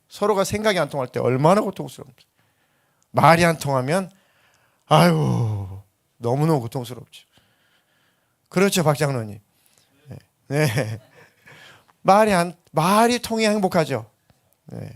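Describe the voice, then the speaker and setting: A middle-aged man preaching a sermon as pastor, telling stories and acting out voices. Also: a little high. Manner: lively storytelling, acts out voices in anecdotes.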